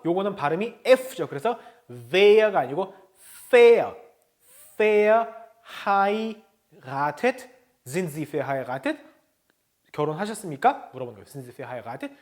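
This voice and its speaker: Lively high-voiced male language teacher. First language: Korean. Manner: explains step by step, models German words slowly, asks rhetorical checks. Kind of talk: video lesson lecture.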